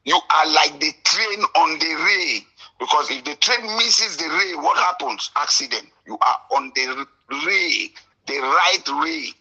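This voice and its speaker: A man from Cameroon with a Cameroonian English accent, calling in to a radio show, impassioned and indignant, at times breaking into shouts. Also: on the high side, animated, measured pace, slightly rough, rough recording. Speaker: caller. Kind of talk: call-in radio talk.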